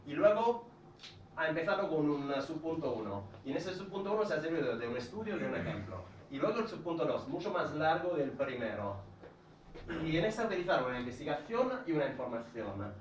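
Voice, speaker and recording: A man's voice: fairly high pitch, big pitch swings, fairly quick, a little hiss or hum. Italian man teaching in an echoey room. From Italy. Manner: methodical, lists points and explains them with examples. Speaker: speaker at a speaking club. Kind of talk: educational talk to a live audience. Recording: echoey room, recorded from a distance.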